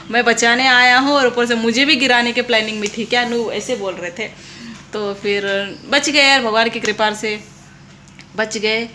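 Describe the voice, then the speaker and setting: A woman's voice: a little high, pushed and bright, a little hiss or hum. A young woman with a Rajasthani Hindi accent, vlogging at home and chatting casually to the camera. She tells a story at length with many restarts, and she has back pain.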